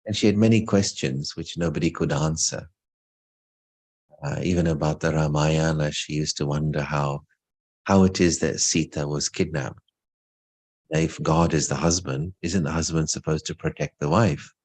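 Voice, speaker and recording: With a slightly mellow bass voice at a moderate pace, this middle-aged man from England reflects on his own life in an informal spiritual talk, adding light humor as he shares his personal story.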